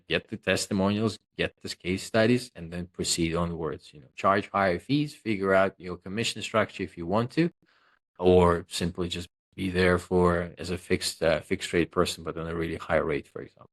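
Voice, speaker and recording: In a relaxed interview, a guest from Russia who consults on social selling jokes around, talks loosely, plugs himself and leans on many fillers. His voice is low-pitched and a bit bright, with a moderate pace.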